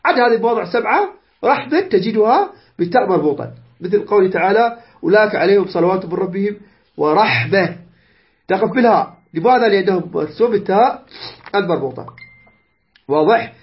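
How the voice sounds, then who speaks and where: An Iraqi man with a notably high voice teaches a lesson, explaining patiently and often pausing to ask if everything is clear. The recording sounds dull and lo-fi. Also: expressive. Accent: Iraqi Arabic. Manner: patient explaining, checks understanding with "clear?" and "good". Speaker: teacher of Quranic spelling and recitation. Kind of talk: classroom lesson.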